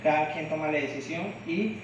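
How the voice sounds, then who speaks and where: Preaching a devotional sermon in church, this Venezuelan lay preacher keeps putting questions to the congregation. He speaks a little high and a little fast, with background noise. A distant mic in an echoey room makes it sound dull.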